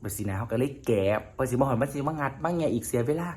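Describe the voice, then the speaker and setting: A man's voice: mid-range voice, quick pace, darkish tone. A man with a northeastern Thai Isan accent, chatting casually to his viewers in a rambling vlog, often turning to speak to them as friends. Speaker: vlogger.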